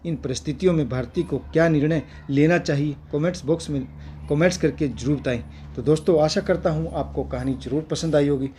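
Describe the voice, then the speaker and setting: A man narrating a family story as channel host, in a steady, earnest way. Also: fairly high pitch, a little fast, slight background noise.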